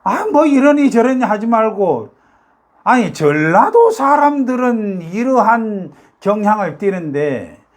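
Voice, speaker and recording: An older man with a Gyeongsang Korean accent, talking casually to his viewers in a rambling way, with many fillers and rhetorical questions. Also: sits high. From South Korea, North Gyeongsang. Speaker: YouTube talk host.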